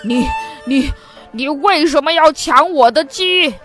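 A woman voicing a gruff, gullible old male wolf in a children's story, bossy and blustering. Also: mid-range voice, sing-song, takes it slowly, voice pushed down. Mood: angry shouting. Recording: music playing behind. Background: background music.

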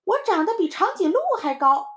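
A woman voicing a cheeky little boy in a storybook, with a high chirpy child voice and a boastful manner. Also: big pitch swings, a little fast, fairly bright tone, heavily acted. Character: cheeky little boy proud of his drawing.

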